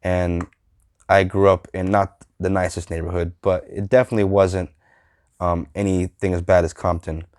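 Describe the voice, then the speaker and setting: A man in his thirties reviewing movies in a casual vlog, halting and full of fillers and restarts. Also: sits low, little pitch movement, a little mellow, no echo.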